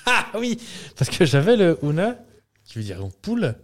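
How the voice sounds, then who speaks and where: A man co-hosting a casual podcast chat, guessing at trivia answers and tossing in quick jokes and quips. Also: on the high side, wildly swooping pitch, a little hiss or hum. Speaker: podcast co-host.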